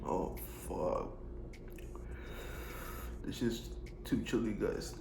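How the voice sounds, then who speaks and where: Man, casual vlogger, mouth on fire from spicy food, unhurried pace, echoey noisy room. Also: on the low side. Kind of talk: casual vlog eating challenge, talking to viewers. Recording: echoey room, clear background noise.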